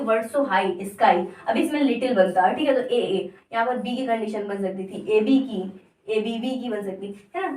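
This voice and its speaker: Woman teacher, patient and repetitive, recorded off-mic in a roomy space with faint background noise. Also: on the high side. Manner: explains slowly, repeating words and checking understanding with "theek hai". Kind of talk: exam-prep lesson in mixed Hindi and English. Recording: echoey room, voice from a distance.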